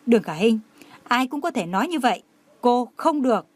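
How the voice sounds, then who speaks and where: A woman's voice: a little high, lively intonation, brisk, dry recording. A woman voicing a cold, domineering young male executive in an audio novel, curt and harsh. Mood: cold anger.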